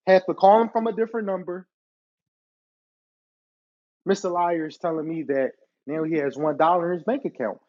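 A man hosting a podcast episode from his apartment, telling an exasperated, profane story and talking directly to his listeners. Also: sits high. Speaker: podcast host. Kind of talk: storytime rant. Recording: dull lo-fi recording.

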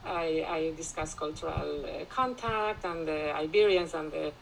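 A woman from Spain, a classicist, talking as a guest in a podcast interview, thoughtful and pausing often with restarts. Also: low voice, creaky, a little hiss or hum, poor audio. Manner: thoughtful, many restarts and fillers, laughs often.

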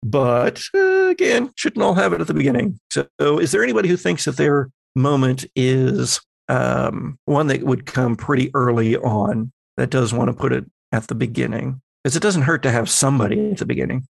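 This game master and podcast host sounds animated and husky, his mid-range voice carrying vocal fry at a moderate pace with hardly any pauses. He explains the rules to his players and leads them along with questions, captured on a close personal microphone over a remote group call.

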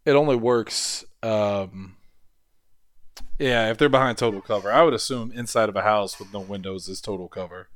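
A man's voice: fairly low pitch, moderate pace, no room sound, clean studio sound. A man playing in a tabletop game show, chatting casually with playful, crude joking.

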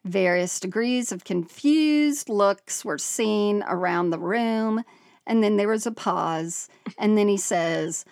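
A woman's voice: medium pitch, slow pace, a little mellow, no room sound, clean studio sound. A woman podcast co-host reading a listener's story aloud, often breaking into laughter and exclamations.

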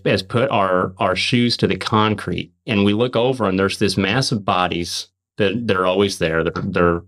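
A man with a deep, slightly bright voice hosts a podcast and shares an earnest faith testimony. He is emphatic and fast, often restarting and repeating words.

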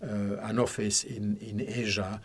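A man's voice: on the low side, little pitch movement, measured pace, breathy edge. A man in his seventies from Algeria and France, a psychic counsellor guest telling rambling stories with frequent laughs in a podcast studio. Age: 70s. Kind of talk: casual interview chat.

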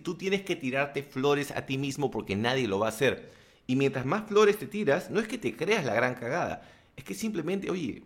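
A man talks straight to camera, handing out self-help tips. He is blunt and slangy, with animated asides. His voice sits at an ordinary mid pitch. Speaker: self-help vlogger and coach. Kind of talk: motivational talking-to-camera monologue.

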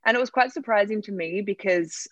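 A woman's voice: medium pitch, a little fast, no room sound, dull audio. A woman from Australia, a startup founder, talking candidly in a podcast interview with many fillers.

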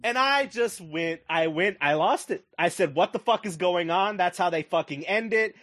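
Excitable high-voiced man, lively and profane. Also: moderate pace, no echo, studio quality. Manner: profane, excitable storytelling with big pitch swings. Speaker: podcast co-host. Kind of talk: casual movie review chat.

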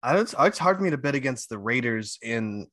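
A man's voice: medium pitch, expressive, brisk, fairly bright tone, no room sound, studio quality. A man co-hosting a casual sports podcast, hesitant, mulling his picks aloud with hums and fillers. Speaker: podcast co-host.

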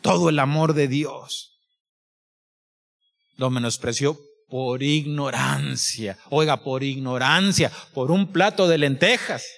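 A man's voice: medium pitch, takes it slowly, vocal fry, a bit bright. A middle-aged man preaching a sermon, putting repeated questions to the congregation and reading scripture aloud in formal old-style wording. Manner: repetitive, questions the congregation directly.

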